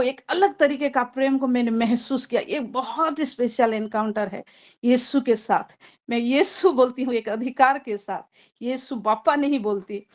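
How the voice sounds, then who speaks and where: A high-voiced woman gives a church testimony, speaking earnestly and gratefully with many small hesitations. She can build to excited emphasis when describing what moved her. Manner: earnest, thankful, often pausing with fillers; grows excited and loud when retelling a vision. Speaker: church member giving testimony. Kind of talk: heartfelt spoken testimony.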